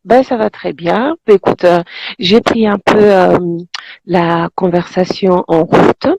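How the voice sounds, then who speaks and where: A woman's voice: lowish voice, slow pace, gravelly, darkish tone, dry recording. A woman from Congo, calling in by phone and rambling in a preachy way while laughing often. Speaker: caller. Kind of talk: phone-in commentary. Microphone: phone call.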